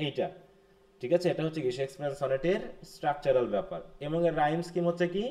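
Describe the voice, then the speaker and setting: Brisk, fast-talking male lecturer. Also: fairly high pitch, mellow. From Bangladesh. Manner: questions students, mixes English terms into lecture, mildly scolding. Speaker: English literature teacher. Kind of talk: live online class lecture.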